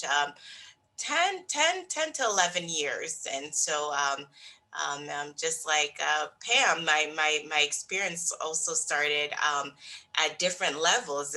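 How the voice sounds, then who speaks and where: Woman from Niger, very low but bright voice, hesitant delivery full of pauses. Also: low-quality recording. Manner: hesitant, many fillers and restarts. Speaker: public health director. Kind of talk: panel introduction.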